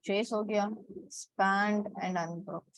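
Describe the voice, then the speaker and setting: A woman's voice: medium pitch, steady tone, slow pace, no room sound. Woman walking through a design tutorial. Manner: step-by-step, repeats "okay" between steps; mixes English words into Hindi. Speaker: graphic design teacher. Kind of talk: screen-recorded software tutorial.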